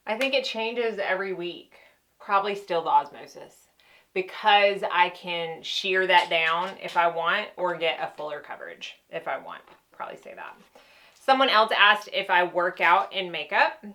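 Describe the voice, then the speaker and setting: This woman in her 30s has a fairly low, sharp-toned voice. A makeup artist, she chats casually while doing her makeup and answers viewer questions, her conversational talk full of fillers.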